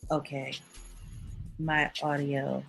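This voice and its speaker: A woman's voice: sits low, flat delivery, slow, creaky, a bit bright, faint music behind. A woman on a video call whose voice sounds muffled, as if through a wall, because her computer is picking up the wrong mic; she is fumbling with her audio setup and apologizing. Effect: muffled sound, as if heard through a wall, from the wrong mic being picked up. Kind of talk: casual online chat.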